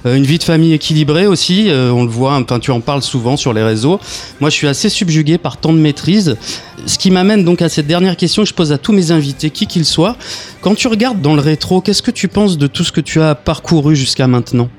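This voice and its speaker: A man hosts an interview, talking quickly and heaping praise on his guest. His voice sits a little high. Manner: effusive, flattering. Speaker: interview host. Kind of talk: interview questions.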